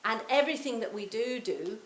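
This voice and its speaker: A woman in her sixties giving a reflective Buddhist talk to a retreat audience, her phrases often trailing off softly. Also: fairly high pitch, animated, brisk. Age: 60s. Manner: reflective, warm storytelling with soft trailing phrase ends. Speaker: Buddhist teacher. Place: retreat hall. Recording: roomy hall, faint hiss.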